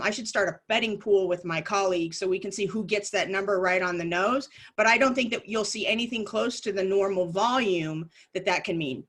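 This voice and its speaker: With a fairly bright, mid-range voice, this lobbyist hurries through explanations in an informal online training. Ums and restarts pepper her speech, her voice is worn down, and a cough drop sits in her mouth.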